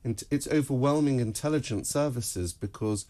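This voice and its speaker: A man speaking as a guest analyst in an interview, in a measured, deliberate, lecturing way. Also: medium pitch, warm tone. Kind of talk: broadcast interview.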